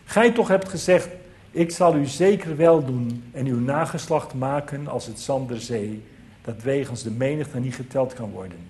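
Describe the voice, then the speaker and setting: A man's voice: mid-range voice, moderate pace, darkish tone. A man preaching a sermon, earnest and emphatic, repeating key phrases for weight.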